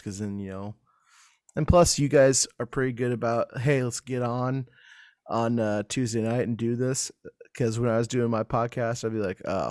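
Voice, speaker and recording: A male podcast host trades casual banter, swearing freely and laughing mid-sentence between stories in a loose manner. His voice is medium-pitched and a little mellow, recorded dry with clean studio sound.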